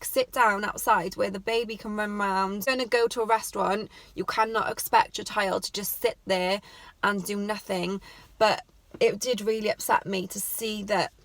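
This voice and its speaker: Earnest mum giving parenting advice. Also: female voice, mid-range voice, a bit bright, dry recording, low-quality recording. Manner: earnest, conversational advice with many "like"s and "you know"s. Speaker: parenting vlogger. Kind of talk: advice vlog, talking to camera.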